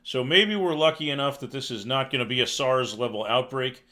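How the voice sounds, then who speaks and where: A man reads news headlines on a live stream, then breaks off to mock them with sighs and dry sarcasm. His voice has a bright, forward edge, and his pitch sits in an ordinary middle range. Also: brisk. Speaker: livestream news commentary host. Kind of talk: casual live news commentary.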